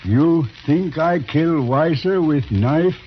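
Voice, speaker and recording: An actor playing a proud, stoic accused man in an old western drama, speaking halting, clipped broken English. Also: on the high side. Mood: proud, offended. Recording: dull lo-fi old recording with faint noise.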